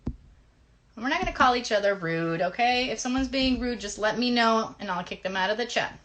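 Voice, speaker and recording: Her voice is on the high side and a bit bright, with lively intonation at a normal speed. She's a children's live show host running an interactive play session, teaching a hand game and singing it while offering encouraging instructions straight to the kids. The recording is a noisy live stream with clicks.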